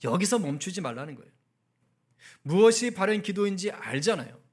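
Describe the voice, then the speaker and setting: A male pastor preaches to his prayer meeting in a notably high voice. He talks in a chatty way, puts questions to the congregation and acts out heated outbursts to make his points. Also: animated, fairly quick. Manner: conversational, asks the congregation questions; acts out angry outbursts in quoted speech. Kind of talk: sermon at a midweek prayer meeting.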